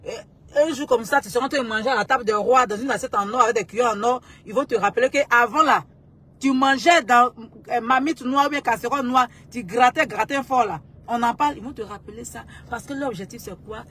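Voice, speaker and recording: A woman being interviewed as a guest artist, speaking in a calm, measured way, often hesitating and repeating words as she thinks. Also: on the high side, slightly rough. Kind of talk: talk-show interview answer.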